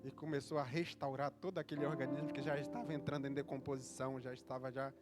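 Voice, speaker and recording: A male pastor preaching a sermon, telling a personal story in a loose, conversational way that builds into fervent, loud preaching. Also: mid-range voice, flat delivery, fast talker, loud music behind the voice.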